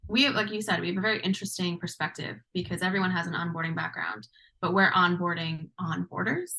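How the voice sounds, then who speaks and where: Woman chatting on a podcast, kinda low voice, bright tone. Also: steady tone, fast talker, gravelly, low-quality recording. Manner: chatty, frequent "like" and restarts. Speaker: guest, implementation lead. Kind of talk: casual podcast conversation.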